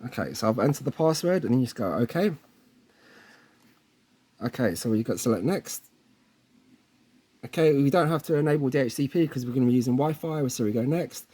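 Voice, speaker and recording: A husky, warm mid-range voice with lively intonation carries this casual installation tutorial; the man talks fairly quickly but leaves long pauses, and he keeps checking in with the viewer during the hands-on tech work.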